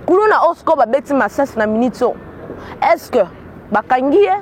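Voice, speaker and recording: Over a faint hiss or hum, a high, animated female voice talks at a normal pace. The speaker, a Congolese-accented woman from Kinshasa, offers earnest commentary switching between Lingala and French, repeating words as she gropes for them.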